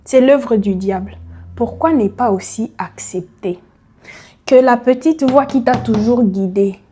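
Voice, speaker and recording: Mellow woman preaching to her listener. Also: on the high side, measured pace, slight background noise. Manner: rhetorical questions, addresses listener directly. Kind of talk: motivational sermon.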